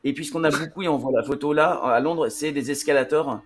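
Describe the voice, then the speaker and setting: A man's voice: fairly high pitch, a little fast, slight background noise. A French-speaking man explaining English pronunciation in a casual studio chat, hesitant with many restarts. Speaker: English language guest explaining accents. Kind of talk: casual radio-style explanation.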